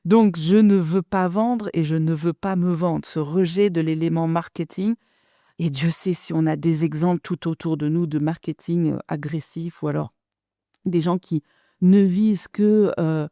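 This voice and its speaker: A woman's voice: on the low side, a little slow, mellow, no echo, clean studio sound. A middle-aged woman business coach talking to listeners in a direct, chatty podcast monologue.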